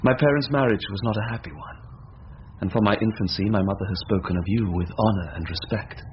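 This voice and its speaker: In an old-time radio drama, an actor plays an earnest, proud young student who speaks formally and pleads earnestly. His natural male voice is fairly low and a little fast, and the recording is dull and hissy.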